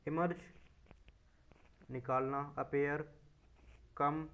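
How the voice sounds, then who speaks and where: Slow, deliberate Indian man reading word lists. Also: fairly high pitch, steady tone, highs cut off. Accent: Indian English. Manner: slow, drawn-out listing of words, quick asides in Hindi. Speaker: exam vocabulary teacher.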